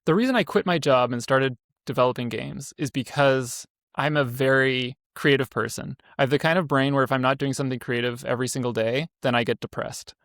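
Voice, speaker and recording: Gravelly-voiced man in his 30s, indie dev guest, loose rambling delivery, dry close sound. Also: medium pitch, brisk, hardly any pauses, fairly bright tone, no room sound. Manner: rambling, self-correcting, frequent fillers. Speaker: indie game developer guest. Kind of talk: casual interview talk.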